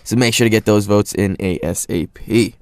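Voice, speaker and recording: A young man from the United States hosting a radio show in relaxed, casual chat. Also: on the low side, normal speed, dry recording. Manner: relaxed, laid-back, says "man" a lot.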